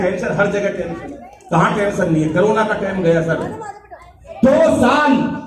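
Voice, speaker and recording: A man with a Haryanvi accent doing live comic storytelling, chatty and teasing the audience, acting out voices in his jokes. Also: a little high. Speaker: stand-up comedy poet. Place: live event hall with audience. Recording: echoey hall from far off, noisy crowd.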